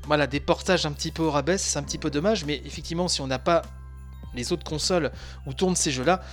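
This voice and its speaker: A man's voice: a little high, fast, faint music behind. A man hosting a casual podcast, talking with many fillers and restarts. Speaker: podcast host.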